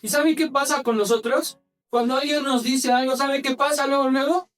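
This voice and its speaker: A male pastor preaching in church, quizzing the congregation and having them repeat phrases back, moving between brisk and slow, soft delivery. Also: very high voice, fairly even intonation, distant mic. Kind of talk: sermon.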